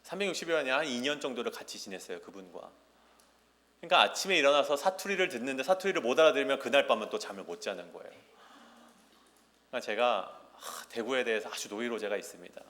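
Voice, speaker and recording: Preaching in a big church sanctuary, a man in his thirties from South Korea mixes personal stories into his sermon. He speaks at medium pitch, animated and fast with a sharp tone, while the hall rings with long reverb.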